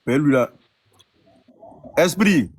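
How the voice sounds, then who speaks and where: A man moderating a live debate, calming the speakers and giving the floor to others. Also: fairly high pitch, slow pace, a little hiss or hum.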